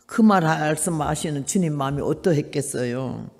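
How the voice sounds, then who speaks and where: An older woman missionary preaching a sermon, telling stories with dramatic swings between soft and loud speech. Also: low voice, normal speed, gravelly, in a large hall.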